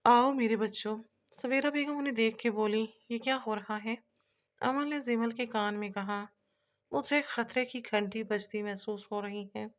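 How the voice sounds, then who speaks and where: A woman's voice: fairly high pitch, fairly even intonation, normal speed, muffled recording. A woman reading a romance novel aloud, voicing all the characters' dialogue in a lightly shifted voice. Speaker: narrator.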